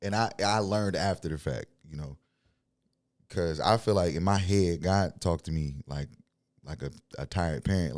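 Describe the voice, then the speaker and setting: A man's voice: low-pitched, dry recording, clean studio sound. A young man talking about his faith in an interview, blunt and preachy, telling stories and laughing often. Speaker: guest, signed music artist. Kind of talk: faith-centered interview talk.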